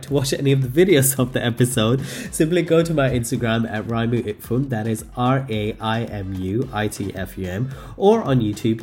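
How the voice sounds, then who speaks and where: A man's voice: mid-range voice, darkish tone. A man with a slightly nasal, cold-affected voice, hosting a podcast in an informal, effusive way. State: recovering from a cold. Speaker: podcast host. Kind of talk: chatty show introduction and interview.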